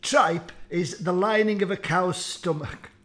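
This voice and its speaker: A man's voice: high voice, measured pace, fairly bright tone. A man hosting a comedic food-tasting vlog, swearing and complaining theatrically as he groans his way through the food. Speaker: food challenge host.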